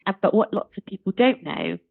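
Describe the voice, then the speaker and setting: A woman's voice: medium pitch, wildly swooping pitch, a little fast, creaky, dry recording. A woman, a charity chief executive speaking as a guest in a podcast interview, articulate and enthusiastic. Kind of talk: conversational interview. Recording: tinny phone-like remote line.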